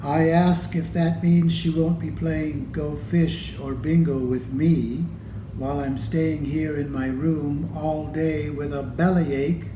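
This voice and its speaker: A man with a fairly high-pitched voice reads a picture book aloud, speaking very slowly and expressively straight to young listeners. The room echoes, and noise is clearly audible behind him.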